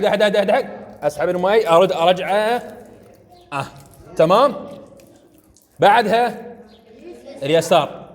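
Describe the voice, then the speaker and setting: A man's voice: high-pitched, long reverb tail. A man with an Iraqi Arabic accent teaching students at a mosque, demonstrating step by step and often checking that they follow. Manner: coaxing, keeps checking understanding. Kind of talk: hands-on religious lesson to students. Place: mosque ablution area.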